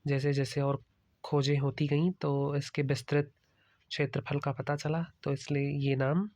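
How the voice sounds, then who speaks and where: Flat-toned male art history teacher. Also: fairly high pitch, a little slow, slight background noise. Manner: steady explanatory, mixing English terms into Hindi. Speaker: exam prep teacher. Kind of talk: slide-based lecture.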